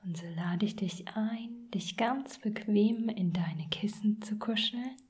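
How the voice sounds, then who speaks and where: A woman whispering a guided sleep meditation like a sleep story narrator, gentle and soothing. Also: medium pitch, slow pace. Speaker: podcast host and meditation guide.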